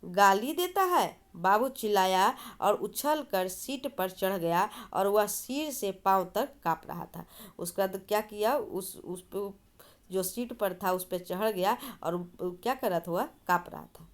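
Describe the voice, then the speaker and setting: A woman's voice: mid-range voice, unhurried. A woman teacher reading a story aloud and explaining it, asking and answering her own questions. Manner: explanatory, asks and answers herself.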